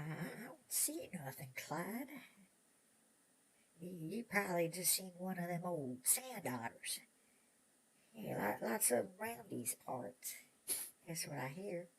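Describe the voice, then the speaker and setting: An actor playing an excitable, chatty old prospector with an American Old West drawl, stammering and rambling in a Western audio drama. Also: male voice, high-pitched, vocal fry, a little hiss or hum, full character voice. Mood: puzzled. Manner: rambling, stammering, repeats words, chuckling old prospector talk.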